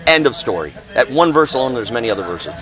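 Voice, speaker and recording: A man with a big, loud voice preaches on the street with passion, speaking emphatically and declaiming, packing in rhetorical questions as part of an open-air discussion. His pitch is medium and sing-song and his pace is quick. The audio quality is poor.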